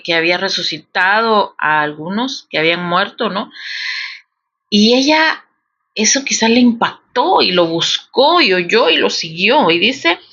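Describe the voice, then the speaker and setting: A Salvadoran woman preaching a Bible lesson slowly, her voice gravelly and bright. She talks conversationally, repeating words and checking in with her listeners. The recording sounds dull and lo-fi. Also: medium pitch. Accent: Salvadoran Spanish. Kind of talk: Bible teaching sermon.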